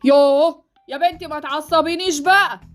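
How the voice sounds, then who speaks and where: A woman's voice: high voice, fairly even intonation, brisk, soft background music, lightly acted. A woman voicing an impatient man driver with an Egyptian accent, scolding a girl in the street in a Roblox series. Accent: Egyptian Arabic. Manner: scolding, exasperated.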